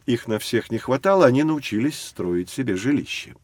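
This is a natural, medium-pitched male voice with a darkish tone, recorded dry and delivered at a moderate pace with plenty of animation. The speaker is an actor cast as a learned professor who guides children through prehistory in an educational audio drama. He lectures patiently, always explaining.

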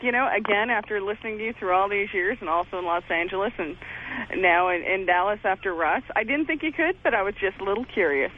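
A man's voice: sits high, expressive, quick pace, slight background noise. A man calling into a radio show as a longtime listener, earnest and a little stammering. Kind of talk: call-in conversation. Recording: tinny phone line.

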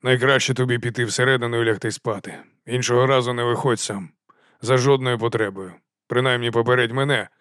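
A curt, suspicious camp leader, as a man plays him in an audiobook, delivered in a steady, mid-pitched voice. The reading is close and dry, with no room sound. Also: fairly quick, smooth, dry recording, lightly acted. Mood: stern. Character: gruff wary male camp leader.

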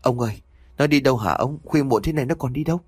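A man's voice: medium pitch, fast talker, husky, dry recording, pitched above the performer's own voice, lightly acted. A man voicing a worried, stubborn older grandmother in an audio story, speaking anxiously and insistently in a raised voice.

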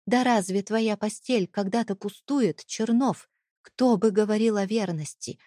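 A woman voicing a trapped young wife who fights back with raised, shouting accusations. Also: fairly high pitch, animated, unhurried, husky, no echo, studio quality, pitched above the performer's own voice. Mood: defiant.

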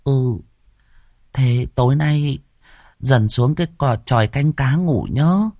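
A man's voice: medium pitch, warm tone, no room sound, clean studio sound, voice pushed up. A man voicing a scheming, lustful middle-aged mistress who talks coyly and bossily, drawing out her words. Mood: bossy. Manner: coy and bossy, drawn-out.

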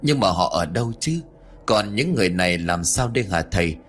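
A man's voice: low voice, animated, a little hiss or hum. A man voicing a panicky young apprentice. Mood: anxious. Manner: anxious, stammering, hurried. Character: frightened young male apprentice exorcist.

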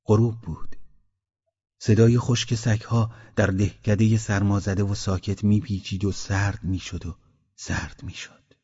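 A man from Mazandaran, Iran, calmly reading a short story aloud as an audiobook narrator. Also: fairly low pitch, husky. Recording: dull lo-fi audiobook recording.

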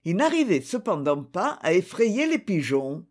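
A storybook narrator reads a children's tale at an unhurried pace. The reading is measured, and the pitch rises and falls with lively expression. Each phrase is given time to land. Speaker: audiobook narrator.

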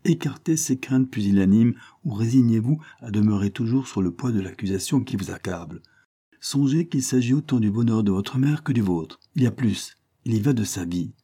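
A steady middle-aged lawyer, as a man reading voices him, giving counsel in a measured, grave way. The voice is low and dark with a husky grain. It sounds firm and composed, as in a read-aloud novel. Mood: calm, firm.

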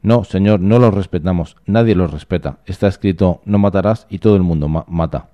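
A man reading blunt deadpan twin boys. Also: sits low, fairly quick, muffled recording, lightly acted. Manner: flat, blunt.

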